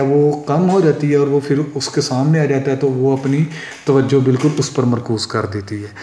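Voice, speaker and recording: Man, English teacher, higher-pitched voice, echoey room, slow careful definitions, repeated example words. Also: darkish tone. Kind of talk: classroom lesson explaining poetic meter.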